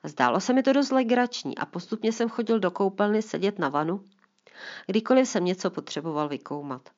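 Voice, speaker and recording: A woman's voice: mid-range voice, lively intonation, darkish tone, muffled recording, lightly acted. A woman voicing a mild, slightly awkward middle-aged father in a storybook reading. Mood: fond.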